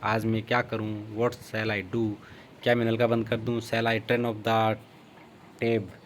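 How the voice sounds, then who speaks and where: A man with an Indian accent teaching spoken English. He reads a Hindi sentence quickly, then gives the English translation slowly and deliberately. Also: fairly low pitch, completely flat delivery, a little hiss or hum.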